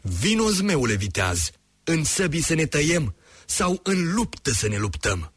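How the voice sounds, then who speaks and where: A man's voice: mid-range voice, very animated, a bit bright, husky, dry recording, studio quality, voice pushed up, full character voice. A man voicing a fearless young male folk hero in a storybook tale, calling out commanding challenges. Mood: challenging.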